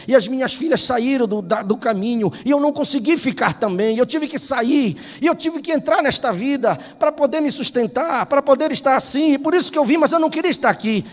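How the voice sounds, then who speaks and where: With an extremely high pitch and a big-room sound, a male pastor from Brazil tells a Sunday school sermon story. He begins in hushed narration and builds to impassioned preaching.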